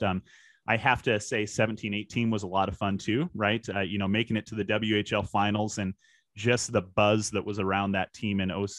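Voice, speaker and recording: Appearing as a guest on a podcast, this middle-aged sports PA announcer from the US, California-born and Washington-raised, reflects casually and drops in "you know" a lot. His voice is lowish and a bit bright, with no echo.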